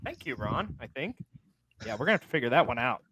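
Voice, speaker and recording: Lively man hyping a giveaway. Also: mid-range voice, fast, noisy background. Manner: upbeat, hypes giveaways to viewers. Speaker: podcast co-host. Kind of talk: casual chat.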